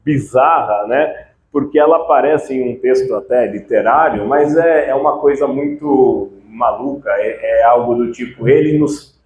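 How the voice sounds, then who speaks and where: A man giving an informal lecture to a live audience, animated and conversational, tagging his sentences with quick confirmations. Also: medium pitch, muffled recording. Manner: animated, conversational, frequent "né" tags. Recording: echoey room with faint background noise.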